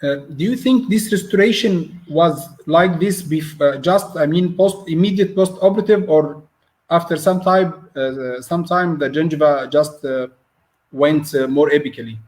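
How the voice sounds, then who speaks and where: A man in the audience of an online lecture asks a question, halting and filling the gaps with uh. His voice sits slightly high for a man. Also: a little mellow, rough recording. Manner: hesitant, many filler sounds. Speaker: audience member asking a question.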